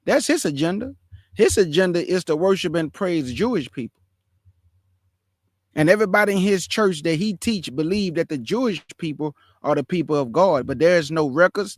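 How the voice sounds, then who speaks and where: A man's voice: a little high, no room sound, clean studio sound. Fiery man ranting to his listeners. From Houston, Texas, USA. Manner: emphatic, repetitive, addresses listeners as family. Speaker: commentator reacting to a sermon clip. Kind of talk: impassioned reaction commentary.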